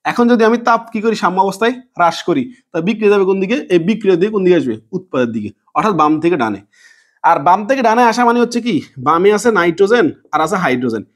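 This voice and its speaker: A man lecturing on chemistry at a quick clip with a fairly high voice. He fires questions at the students and answers them himself, dropping low and quiet on each answer. He repeats key terms again and again. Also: big pitch swings. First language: Bengali. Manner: drops to a low soft voice on answers. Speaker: chemistry teacher. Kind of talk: classroom lecture.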